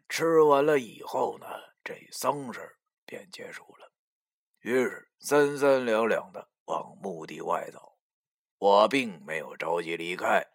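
Swaggering, lively male narrator. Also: mid-range voice. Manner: sly, swaggering storyteller voice. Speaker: audiobook narrator. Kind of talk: dramatized novel reading.

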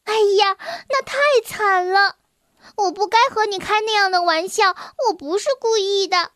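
A woman voicing a gentle, easily worried young male rabbit in a children's storybook, speaking in an anxious, earnest way. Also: very high-pitched, normal speed, no echo, clean studio sound, pitched above the performer's own voice. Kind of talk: storybook reading.

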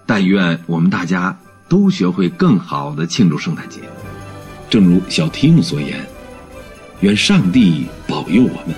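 A man narrates a storybook in a deep, husky voice with lively, wide-ranging pitch. His telling is gentle and expressive. Faint music plays behind him. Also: measured pace.

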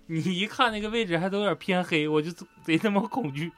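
A man's voice: high voice, quick pace, a bit bright. A man chatting casually and telling anecdotes in an earthy, vivid way. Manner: earthy, vivid storytelling with swearing. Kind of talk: casual group chat, anecdotal. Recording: music playing behind the talk.

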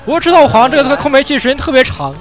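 A man's voice: extremely high pitch, very animated, racing. A man on a casual group podcast who rambles and halts, repeating words as he jokes about his memory gaps. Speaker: podcast co-host.

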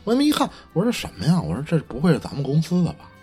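Fast-talking husky man, heated and profane. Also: fairly high pitch, wildly swooping pitch, darkish tone, faint music behind. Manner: stammering restarts. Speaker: podcast co-host. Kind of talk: casual chat.

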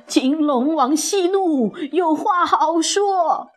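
A woman voicing an anxious middle-aged father and general in a storybook, pleading slowly and humbly. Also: a little high, expressive, heavily acted. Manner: pleading, slow and drawn out. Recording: soft music behind.

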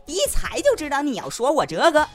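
A woman's voice: high voice, huge pitch swings, brisk, faint music behind. A woman voicing a sassy foreign woman who speaks Mandarin with a Tangshan accent, bantering in a comedy radio sketch. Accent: Tangshan-tinged Mandarin.

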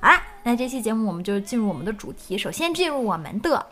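A woman co-hosting a live chat stream, casual, giggly and animated. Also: on the high side, quick pace.

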